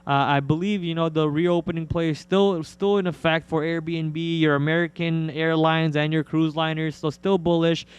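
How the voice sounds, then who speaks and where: A man's voice: on the high side, little pitch movement, normal speed, hardly any pauses, smooth. A man hosting a live trading stream, giving casual, slangy market commentary and answering viewer questions informally.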